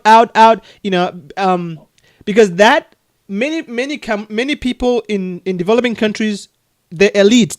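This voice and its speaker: Man from Cameroon, Cameroonian accent, high voice, earnest and halting over a video call. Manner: earnest, many restarts and soft laughs. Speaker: adoption agency leader. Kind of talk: casual video call conversation.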